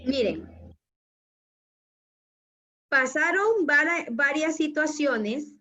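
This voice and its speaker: A woman's voice: high voice, expressive, very slow, pushed and bright, highs cut off. A woman teacher giving an online class, patient and affectionate, asking the class questions.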